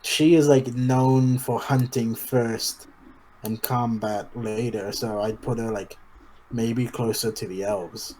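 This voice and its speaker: A man's voice: medium pitch, fairly even intonation, slow pace, mellow, slight background noise, low-quality recording. A young man chatting casually as co-host, hesitant and thinking aloud with fillers. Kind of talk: casual chat.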